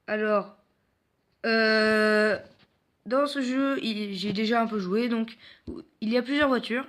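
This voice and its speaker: A man's voice: high-pitched, slow, fairly bright tone. A man presenting mobile games in casual gameplay commentary, hesitant and full of filler sounds, with self-mocking jokes. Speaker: mobile game video host.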